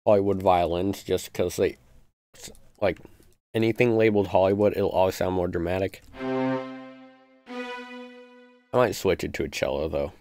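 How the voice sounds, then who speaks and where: A man's voice: sits low, moderate pace, pauses often, darkish tone. A man producing music on a live stream, talking through his steps in a loose, casual way with lots of fillers. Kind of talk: live-stream beat-making walkthrough.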